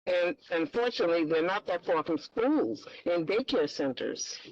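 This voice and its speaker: A woman community member asking persistent questions at a public meeting, her voice coming through muffled with only the bass left. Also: animated, moderate pace, a little mellow, dry recording. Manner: persistent, presses for specifics. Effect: muffled remote audio with the bass only. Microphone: remote call-in line. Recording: muffled dull remote line.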